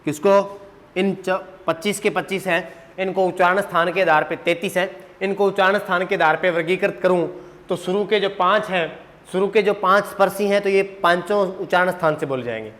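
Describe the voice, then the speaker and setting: A man's voice: high voice, a little fast, a bit bright. A man teaching a grammar lesson at a board, quizzing his students with questions and answering them himself, drilling letters one by one.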